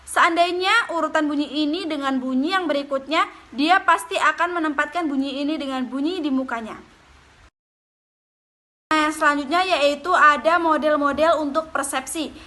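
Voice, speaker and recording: A woman's voice: sits high, sharp tone. A young woman presenting a lesson, reading steadily from her notes.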